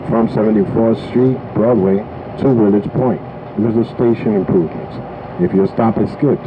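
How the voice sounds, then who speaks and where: Tinny male station announcer in street noise. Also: lowish voice. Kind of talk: scripted public service announcement. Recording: tinny narrow-band speaker, outdoor station noise.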